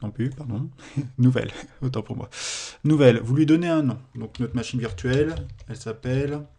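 A man's voice: medium pitch, normal speed, mellow, husky. A man with a French accent, explaining a computing exercise in a screen-recorded tutorial, with hesitations and self-corrections. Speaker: teacher.

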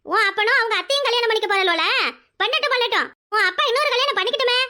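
A woman voicing a shrill, fast-talking village mother. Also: bright, forceful tone. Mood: indignant. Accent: southern Tamil, Tirunelveli. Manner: scolding then tenderly coaxing, dialect endearments. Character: weary, devoted village mother of three. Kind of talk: cartoon voice acting.

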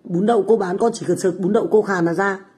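With a warm, steady tone at medium pitch, this middle-aged woman from Vietnam talks fast. She runs a food stall and hosts livestreams from her home kitchen abroad, bantering casually with viewers in a crude, brash, mocking manner.

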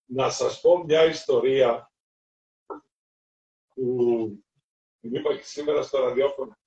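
Middle-aged greek priest telling stories, sounds far off and dull, echoey room. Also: male voice, mid-range voice. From Greece. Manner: lively anecdotal storytelling, acting out dialogue. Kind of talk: storytelling sermon talk. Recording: roomy, distant, dull lo-fi recording.

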